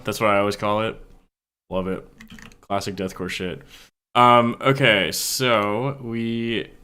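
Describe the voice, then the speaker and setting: A man's voice: on the low side, a bit bright. A young man chatting casually on a live stream while he works on a recording, reading chat aloud and swearing freely.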